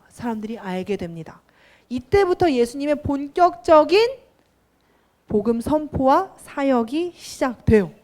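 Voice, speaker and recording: A woman teaching a children's Sunday school sermon, animated and sing-song, often asking the children questions. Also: a little high.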